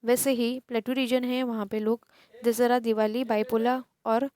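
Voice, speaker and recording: An Indian woman teacher going through a textbook chapter, slowly reading English lines and explaining them in Hindi. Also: fairly high pitch, little pitch movement, a little mellow.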